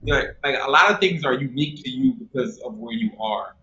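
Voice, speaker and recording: Over a video call, a young man from South Carolina talks briskly at a medium pitch, a talkative interview guest who laughs a lot and peppers his speech with ums. The conversation is chatty and animated. The audio is muffled, with room echo and faint noise.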